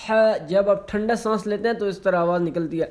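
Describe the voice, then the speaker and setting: Man, tutor, high voice, drawn-out letter sounds, quick explanations, some english. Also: steady tone, a little mellow. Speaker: Quran reading tutor. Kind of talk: online lesson in letter pronunciation.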